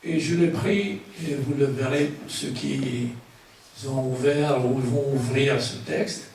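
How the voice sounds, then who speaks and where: An older man, a non-native French speaker with a foreign accent, giving a public lecture in a halting way, searching for his words. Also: mid-range voice, vocal fry, a little mellow. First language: not French. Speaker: guest speaker, book author. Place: large echoing room at a public conference. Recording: very echoey hall, distant mic, faint noise.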